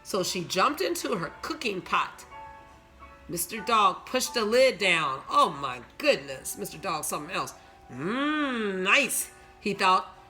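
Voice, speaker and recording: A woman's voice: mid-range voice, big pitch swings, a little slow, pushed and bright, faint music behind. A woman reading a picture book aloud, breaking off with chatty asides to her listeners and some advice for teenagers. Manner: gives moral advice to teens. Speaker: storyteller reading to young listeners.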